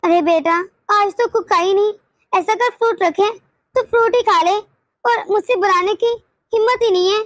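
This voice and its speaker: A woman's voice: very high-pitched, moderate pace, no echo. A woman voicing a tired old grandmother in a cartoon, complaining of a headache and grumbling. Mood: weary complaining. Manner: weary, complaining. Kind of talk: cartoon dubbing.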